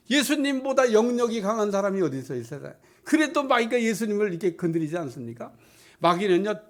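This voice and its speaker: Middle-aged male pastor, sermon delivery, high-pitched and gravelly, emphatic and declaiming. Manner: emphatic preaching with rising declarations and repeated blessings. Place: church sanctuary.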